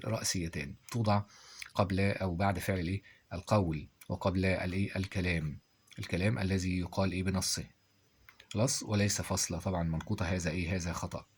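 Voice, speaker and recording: A man's voice: sits low, husky. A man teaching grammar to pupils, asking rhetorical questions and answering them himself.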